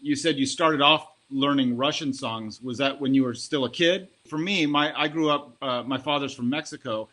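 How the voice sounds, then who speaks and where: A male host chatting casually with musicians in an event tent, relaxed and joking. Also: mid-range voice, normal speed, hardly any pauses. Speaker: show host interviewing musicians. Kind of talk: casual interview chat.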